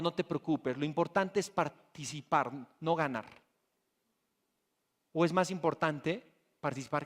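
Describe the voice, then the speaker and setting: A man from Bolivia giving a motivational keynote talk at a business conference, telling stories and putting rhetorical questions to the audience. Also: high-pitched. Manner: lively storytelling, addressing the audience with rhetorical questions. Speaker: conference speaker. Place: conference hall.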